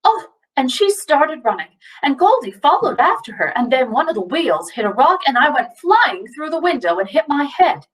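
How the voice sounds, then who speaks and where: A woman's voice: high voice, sing-song, moderate pace, few pauses, far from the mic, poor audio. A woman playing the chatty, forgetful ghost of a 19th-century mother, rambling through a first-person monologue and losing her thread. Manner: rambling, scatterbrained, loses her train of thought.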